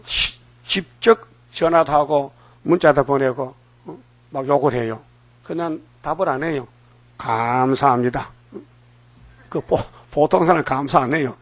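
A man's voice: on the high side, dry recording. An older man preaching a sermon, firing rhetorical questions at the congregation and acting out quoted voices. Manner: dramatic, acts out quoted voices. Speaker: pastor.

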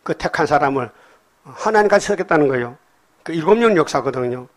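A man's voice: lively intonation, quick pace. A man preaching a sermon, reading scripture and explaining it in blunt, colloquial asides, often prodding his listeners with short questions. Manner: swings between loud emphatic outbursts and low murmured remarks. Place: church hall with congregation.

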